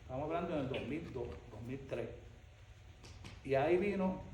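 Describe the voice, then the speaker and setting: Older pastor preaching in an echoey church. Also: male voice, mid-range voice, lively intonation, moderate pace, darkish tone. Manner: emphatic storytelling. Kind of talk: sermon testimony. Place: church sanctuary. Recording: echoey church from far off, noisy.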